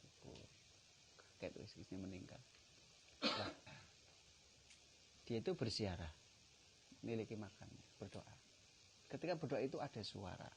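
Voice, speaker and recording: A man's voice: on the low side, normal speed, long pauses, background noise. A man with a Tegal Javanese accent, a religious teacher telling a story as part of a study lesson and acting out its dialogue. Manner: animated storyteller, acts out dialogue. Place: village study gathering.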